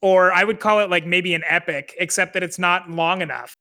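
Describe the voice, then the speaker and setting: A man's voice: sits high, steady tone, brisk, sharp tone. A man co-hosting a film podcast, chatting casually and hesitantly, with many fillers and restarts. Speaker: podcast co-host.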